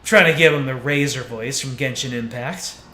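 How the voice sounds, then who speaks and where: A man's voice: medium pitch, normal speed, sharp tone. A man streaming a game and chatting in a rambling, casual way between story lines. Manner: rambling, chatty, filler-heavy. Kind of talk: let's play commentary. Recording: echoey room, faint music.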